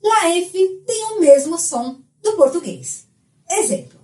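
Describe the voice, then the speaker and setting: High, lively woman teaching Spanish. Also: slow, roomy sound. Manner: clear, explanatory teaching delivery. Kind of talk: scripted language lesson.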